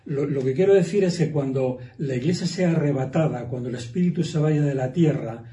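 A man's voice: medium pitch, a little fast, warm tone. A male pastor preaching in a sermon, explaining points emphatically and repeating phrases for stress. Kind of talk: sermon teaching. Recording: roomy echo, from far off the mic.

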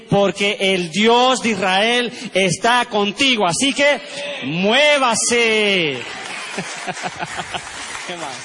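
A man's voice: sits high, a bit bright. A man pastor giving a fervent church testimony, repeating phrases and saying amen often. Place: church service.

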